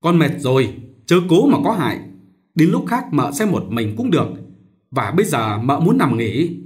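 A man voicing an ailing, gentle mother who fusses over her son, with a raised, soft motherly tone, in an audiobook story reading. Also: on the high side, very animated, moderate pace. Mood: insistent.

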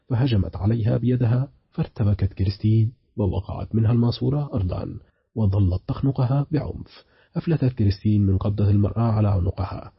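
Husky low-voiced man narrating a horror audiobook at speed, dull dry recording. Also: dry recording. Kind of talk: scripted narration of a horror novel.

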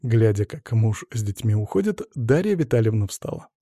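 A man narrating an audiobook in an even storytelling manner. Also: fairly low pitch, normal speed, no echo, studio quality. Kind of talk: scripted narration.

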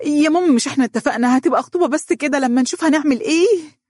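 A man voicing a cheerful young bride-to-be with an Egyptian accent, in a raised, lively voice. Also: mid-range voice, fast talker, husky, no room sound, studio quality, voice pushed up, lightly acted. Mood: eager. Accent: Egyptian Arabic.

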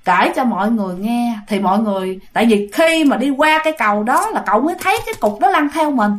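Female ghost-story narrator, Southern Vietnamese accent, high voice, chatty and casual. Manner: chatty, addresses listeners often.

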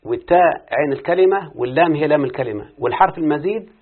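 A man with an Egyptian accent teaching a grammar lesson, quizzing students and repeating word patterns slowly. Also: fairly high pitch, lively intonation. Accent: Egyptian Arabic. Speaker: teacher of Arabic morphology. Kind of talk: classroom lesson with student responses. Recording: tinny phone-like lo-fi recording.

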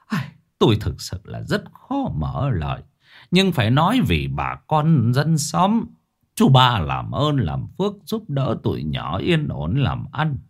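A man voicing an old village elder pleading slowly and humbly for help. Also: medium pitch, huge pitch swings, pitched above the performer's own voice. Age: older.

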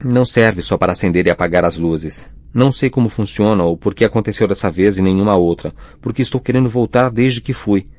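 A man voicing a flustered teenage boy wizard who tells his story in a hurried, defensive way in an audiobook. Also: fairly low pitch, a little mellow, no echo, natural voice. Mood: earnest.

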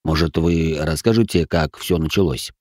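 A man voicing a calm young dark mage who questions a patient in measured tones, in an audiobook reading. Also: a bass voice, no echo, clean studio sound, pitched below the performer's own voice.

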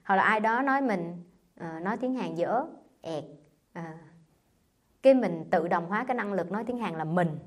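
A Buddhist nun with a lilt teaches a sutra class in a chatty, lively way. She keeps asking her listeners questions and answers them herself, with an animated, swinging pitch. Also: moderate pace, pauses often. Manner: lively, conversational, quizzing listeners with rhetorical questions. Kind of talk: dharma talk to a live audience.

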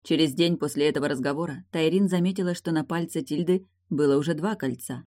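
An audiobook narrator reading a novel at a measured, steady pace. The voice sits in a middle register. The recording is dry and close, with no room sound. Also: mid-range voice, dry recording. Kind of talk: scripted narration.

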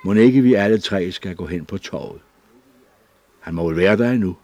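A man's voice: low-pitched, darkish tone, no echo, natural voice. A man doing a mild, kindly father. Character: gentle devout father, middle-aged.

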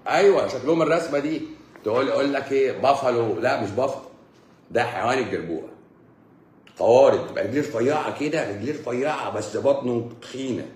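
Fast, joking Egyptian man in an echoey room. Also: mid-range voice. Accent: Egyptian Arabic. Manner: animated and joking, mixes medical explanation with teasing asides. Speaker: doctor giving a talk. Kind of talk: joking live lecture.

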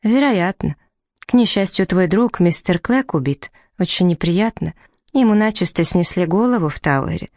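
A woman's voice: lowish voice, animated, normal speed, darkish tone, dry recording, studio quality, pitched above the performer's own voice. A woman reading the part of a playful, mischievous young woman who teases her sister with ironic remarks. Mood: teasing.

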